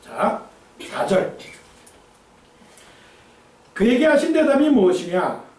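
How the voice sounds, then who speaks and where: A man's voice: extremely high pitch, very animated, takes it slowly, a little mellow. A male pastor preaching a dramatic sermon, firing rhetorical questions at his congregation. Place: church sanctuary. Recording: echoey church from a distance.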